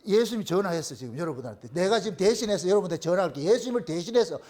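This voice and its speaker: A man's voice: high voice, racing. A middle-aged male pastor with a Gyeongsang accent, preaching a playful sermon and acting out little scenes in voices. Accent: Gyeongsang Korean. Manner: animated, playful, acts out phone calls in voices.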